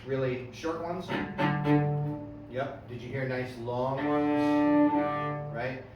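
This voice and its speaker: A man with a mid-range voice teaches a music theory workshop, speaking extremely slowly and often quizzing students in a friendly way, checking in with "right?" and "okay." The music classroom recording is echoey, with a distant mic, background noise and the highs cut off.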